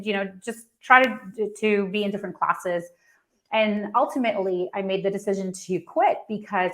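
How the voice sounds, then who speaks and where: Woman, 30s, from Pakistan, conversational startup speaker, frequent ums and restarts, mid-pitched voice. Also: a bit bright. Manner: conversational, with many fillers and restarts. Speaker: founder and speaker. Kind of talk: personal story talk.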